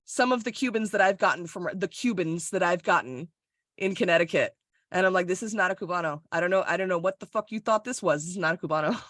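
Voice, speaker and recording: Her medium-pitched voice has a fairly bright tone, and the recording is dry with clean studio sound despite being made over a video call. This podcast co-host from Florida, USA keeps the chat casual and blunt, laughing a lot and swearing without hesitation.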